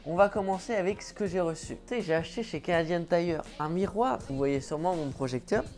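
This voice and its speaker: A man from France chats to his viewers from home in a loose, joking vlog. He sounds offhand and playful. Soft music plays faintly behind him. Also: sits high, fairly quick. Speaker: vlogger. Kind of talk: casual vlog chat. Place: at home indoors.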